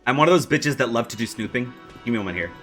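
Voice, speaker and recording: A man streaming a video game, talking casually in an excitable, joking, profane way. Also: medium pitch, very fast, faint music behind.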